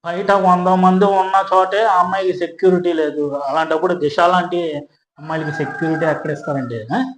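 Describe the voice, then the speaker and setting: A man's voice: sits high, fairly even intonation, moderate pace, slight background noise. A man giving an argumentative commentary monologue, full of rhetorical questions and "hm?" tags after each point. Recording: echoey room.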